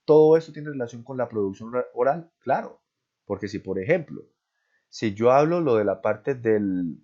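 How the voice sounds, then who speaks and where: A man's voice: mid-range voice, animated, normal speed, dark tone, lo-fi sound. A male professor gives an online class, explaining step by step and often checking with "¿sí?" and "¿listo?".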